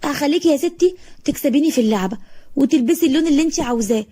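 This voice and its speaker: Woman putting on a young Egyptian girl in grief, high, pleading, hysterical. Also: animated, very fast, mellow. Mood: frantic pleading. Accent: Egyptian Arabic. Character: grieving young girl screaming over family.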